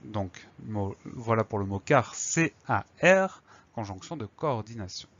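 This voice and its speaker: A man's voice: lowish voice, animated, measured pace, fairly bright tone, no room sound, muffled recording. A man teaching a spelling lesson, spelling words out letter by letter and explaining each one patiently before a dictation.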